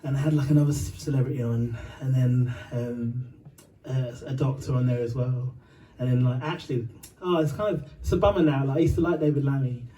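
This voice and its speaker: A man's voice: mid-range voice, steady tone, fairly quick, few pauses, dark tone, recorded from a distance, low-quality recording. A man from Uganda and Britain telling a long, rambling story between songs, full of fillers, swearing and laughter.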